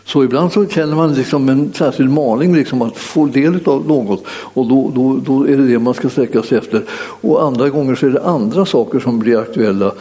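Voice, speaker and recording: A man preaching a sermon and telling a personal story, halting and repeating himself with many fillers and restarts. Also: medium pitch, warm tone. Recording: long hall reverb.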